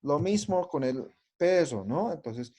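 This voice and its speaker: Slow, patient male language teacher. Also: on the high side, animated, a little mellow. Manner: patient, checks understanding with frequent tag questions. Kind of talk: classroom lesson.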